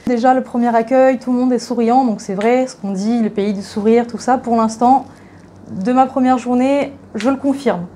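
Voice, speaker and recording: A woman's voice: a little high, normal speed, mellow, slight background noise. Chatty young woman vlogging a walkaround. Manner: chatty, hesitant, lots of fillers and restarts. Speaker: travel vlogger. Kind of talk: casual vlog chat, walking tour. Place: guest house indoors, walking around.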